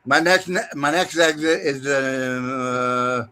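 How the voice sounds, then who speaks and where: A man's voice: mid-range voice, slow, bright, forceful tone, smooth. A man chatting casually in a group, talking in a rambling, insistent way. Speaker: military veteran.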